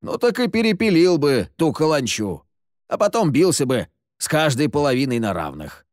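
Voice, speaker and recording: A man voicing a sick, sardonic grown man who hides in the dark and curses with Spanish words. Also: on the high side, big pitch swings, moderate pace, no echo, clean studio sound, pitched above the performer's own voice. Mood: scornful. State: ill, coughing.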